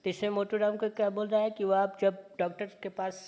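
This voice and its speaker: A woman's voice: mid-range voice, little pitch movement, dark tone. Woman teacher, patient question-and-answer. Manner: reads verses slowly and sing-song, then explains with repeated questions. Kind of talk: online class lesson explaining a poem.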